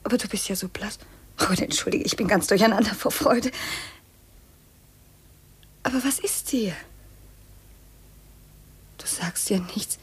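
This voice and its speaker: An actress playing a delicate, emotional widow in a 1950s radio drama, breathless and often whispering. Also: female voice, mid-range voice, unhurried, pauses often, husky.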